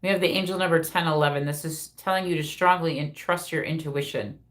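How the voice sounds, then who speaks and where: A woman's voice: sits low, fairly even intonation, fairly quick. A woman hosting a casual live spirit reading, speaking informally and directly to her viewers as a medium.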